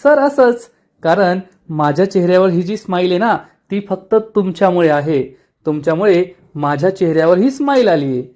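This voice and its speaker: A man's voice: high voice, lively intonation, moderate pace, darkish tone. A man voicing a cheeky young woman employee in a TV serial recap, speaking in a bubbly, teasing way.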